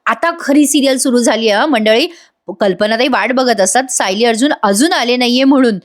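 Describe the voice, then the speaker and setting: A woman giving a chatty voice-over review of a TV episode, talking excitedly to viewers. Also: a little high, fairly quick. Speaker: TV serial reviewer.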